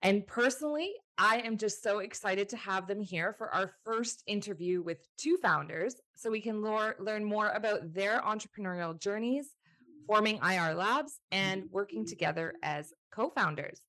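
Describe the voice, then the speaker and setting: A woman's voice: medium pitch, normal speed, bright, forceful tone. Upbeat woman hosting a podcast. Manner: upbeat, enthusiastic introductions. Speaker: podcast host.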